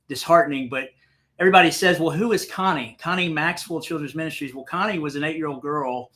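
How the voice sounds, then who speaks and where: Man, light Southern accent, bright forceful voice, fairly high pitch, earnest storyteller. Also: quick pace. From South Carolina. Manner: earnest storyteller with some restarts. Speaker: guest, nonprofit executive. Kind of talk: conversational storytelling.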